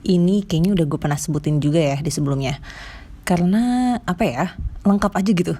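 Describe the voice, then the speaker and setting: A woman's voice: low voice, steady tone, a little fast, warm tone, breathy edge. A young woman with an Indonesian accent explaining things casually to viewers, chatty and informal, often correcting herself. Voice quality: slight trouble pronouncing some sounds. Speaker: vlogger giving job advice.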